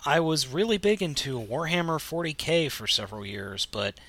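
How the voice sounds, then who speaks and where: A man's voice: a little high, animated, moderate pace, a bit bright. An American man co-hosting a casual podcast chat, talking in a slangy, emphatic, jokey way. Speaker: podcast co-host. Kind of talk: casual chat about toy news.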